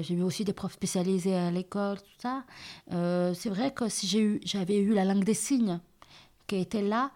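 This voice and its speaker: A hard-of-hearing woman with a southern French accent, answering interview questions in a hesitant, halting way with many fillers. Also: medium pitch, a little mellow. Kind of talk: casual interview.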